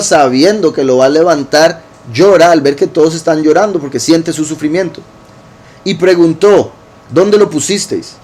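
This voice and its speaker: A man teaching scripture in a relaxed, conversational way, often checking in with listeners and rephrasing as he goes. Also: on the high side. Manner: informal, rephrases as he goes, asks "¿verdad?" often. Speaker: teacher of a congregation.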